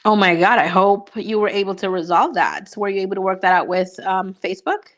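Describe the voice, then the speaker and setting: Her medium-pitched voice is brisk and a bit bright. This young YouTuber from Honduras is doing a relaxed livestream chat, cheerfully responding to viewer questions with lots of fillers.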